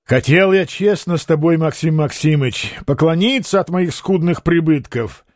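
A man reading an audiobook, voicing a shrewd merchant who speaks in a measured, quiet and firm way. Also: on the high side, expressive, no echo, studio quality, natural voice. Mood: formal. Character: calm, shrewd male merchant.

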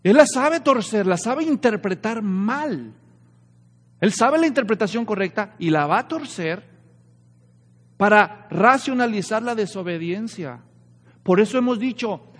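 A male pastor preaching a sermon, lively and full of rhetorical questions to the congregation. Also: extremely high pitch, in a large hall.

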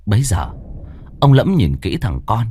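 A man's voice: huge pitch swings, unhurried, mellow, breathy edge. A man narrating a horror story in a theatrical, dramatic way. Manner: theatrical, swinging pitch widely for effect.

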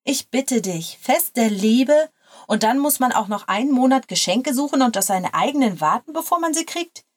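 A woman reading the lines of a cynical female lawyer, exclaiming in a raised, louder voice. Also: normal speed, natural voice. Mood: exasperated. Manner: exclaiming, higher and louder than the narration.

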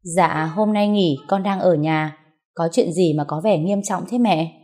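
A woman's voice: on the low side, measured pace, mellow. A woman reading the lines of an uneasy, evasive young husband in a storybook tale.

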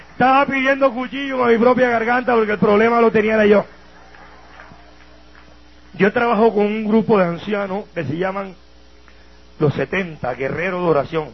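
A Colombian man preaching his testimony with a Colombian accent, acting out voices and breaking into shouted prayers. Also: high-pitched, gravelly, breathy edge. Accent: Colombian Spanish. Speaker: evangelical preacher. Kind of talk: testimony sermon. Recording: dull lo-fi sermon recording with faint hum.

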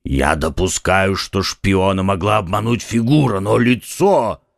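A man voicing a boastful, loose-tongued young musketeer in an audiobook, teasing and loud-mouthed. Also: low-pitched, a little slow, gravelly, dry recording, studio quality. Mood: mocking. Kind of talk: audiobook character reading.

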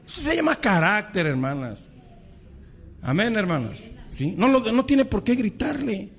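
A male pastor with a Mexican Spanish accent preaches a sermon to his congregation, calling them brothers and acting out arguments between spouses. His voice sits high and is very animated but unhurried, and the recording is lo-fi.

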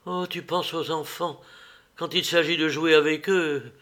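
A man reading a classic novel aloud, voicing a wounded, furious wife in sharp, bitter outbursts. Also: a little high, fairly even intonation, a little slow, pitched above the performer's own voice. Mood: bitter, angry.

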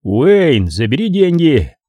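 Audiobook role: male narrator plays a cold, menacing gangster boss near sixty, pitched up and swinging. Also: very animated, slow pace, warm tone, husky, no room sound, highs cut off, full character voice. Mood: curt. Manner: menacing, mocking.

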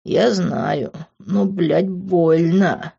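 A woman voicing a drunk, remorseful young man who growls and then pleads in a low voice. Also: extremely slow, vocal fry, mellow, husky, lo-fi sound, exaggerated voice.

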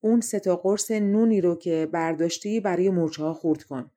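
Woman voicing a calm, wise old talking horse. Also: lowish voice, close to an everyday voice. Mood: reassuring. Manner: calm, reassuring advice.

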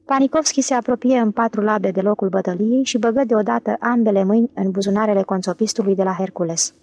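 A woman narrating an audiobook in a steady, even reading. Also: medium pitch, dry recording. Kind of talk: scripted narration.

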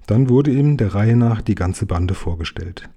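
A man narrates a children's novel as an audiobook in a calm, measured way. His voice is low and warm, with a soft, husky grain. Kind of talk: audiobook reading.

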